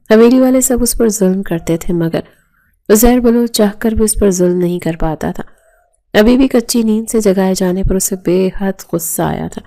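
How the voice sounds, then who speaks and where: Lady reading a romance novel out loud, warm mellow tone, steady. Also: mid-range voice. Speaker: narrator. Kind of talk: scripted narration of a romance novel.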